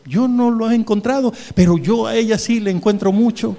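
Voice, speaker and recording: A middle-aged male pastor preaching a sermon with emphatic repetition, humorous asides and wide swings in pitch. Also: fairly quick, vocal fry, warm tone.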